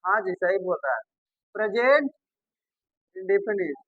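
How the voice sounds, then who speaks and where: Slow, repetitive male teacher. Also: high voice, big pitch swings, dry recording, phone-quality sound. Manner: repetitive, addresses students as babu and sir, asks and answers himself. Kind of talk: classroom grammar lesson.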